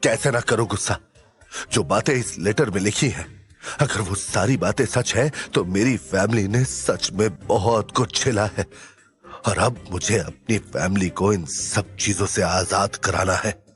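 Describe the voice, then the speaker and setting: A man voicing a brooding young male hero in an audio drama, grave and measured. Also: lowish voice, voice pushed down, natural voice. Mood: angry.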